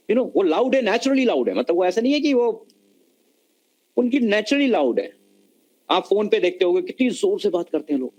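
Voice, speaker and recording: A man's voice: sits high, a little mellow, low-quality recording. A man giving an online lecture on communication skills, explaining patiently and mixing Hindi and mid-sentence over a video call. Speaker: webinar lecturer.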